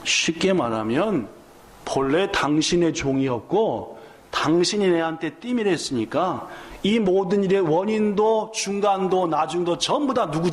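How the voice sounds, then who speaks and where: A man's voice: high voice, roomy sound. A male pastor preaching a sermon, firing questions at the congregation and acting out the lines of the story. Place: church sanctuary.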